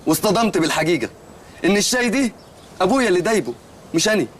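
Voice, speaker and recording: A naive Egyptian shopkeeper. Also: male voice, high-pitched, big pitch swings, rapid-fire, slight background noise. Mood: earnest. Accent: Egyptian Arabic. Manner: rambling, literal-minded storytelling. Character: naive male shopkeeper, simple-minded and earnest. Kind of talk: comedy film dialogue.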